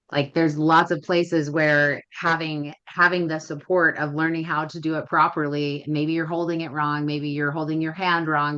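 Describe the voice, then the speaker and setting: A woman with a lowish voice hosts a relaxed podcast conversation. She wanders through anecdotes, restarting her sentences as she goes. The audio is dull and lo-fi. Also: smooth. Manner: rambling storyteller with many restarts. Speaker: host. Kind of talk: casual podcast chat.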